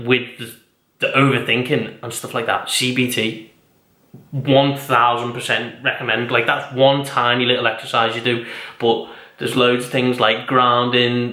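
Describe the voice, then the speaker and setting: Indoors at home, a young vlogger with a medium-pitched, sharp voice goes on at length in a personal vlog. He's casual, rambling, and self-deprecating, drifting into tangents, and the recording has room echo.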